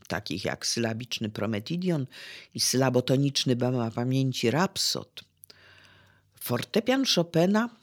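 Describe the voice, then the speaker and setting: A lecturer talks through a poem in a measured, unhurried way. The pitch rises and falls widely, so even the analysis sounds expressive. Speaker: lecturer on poetry. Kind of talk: literary lecture with read-aloud verse quotes.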